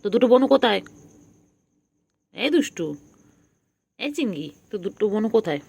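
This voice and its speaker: A woman's voice: mid-range voice, very animated, normal speed, gravelly, darkish tone, breathy edge. A woman talking to her pet cat at home at night, coaxing it in a sing-song voice and repeating words over and over. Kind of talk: casual baby talk to a cat. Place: home at night, in and around the house.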